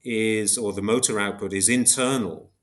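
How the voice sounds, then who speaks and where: A low-pitched man, a philosopher and book author appearing as a guest, explains concepts carefully in an academic interview. His intonation is fairly even and his speed normal, while his manner is hesitant, precise and self-correcting.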